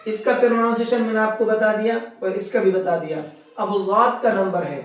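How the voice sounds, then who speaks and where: A man's voice: high-pitched, steady tone. A man teaching Quran letter pronunciation step by step, patiently repeating his points and drawing out each letter to demonstrate it. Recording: very echoey room, distant dull mic.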